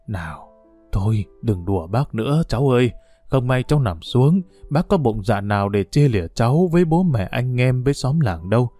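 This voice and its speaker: A man's voice: medium pitch, expressive, moderate pace, dry recording, natural voice. A man reading a grieving old man's lines as he murmurs and pleads with his drowned nephew, in an audiobook story. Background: soft guitar music.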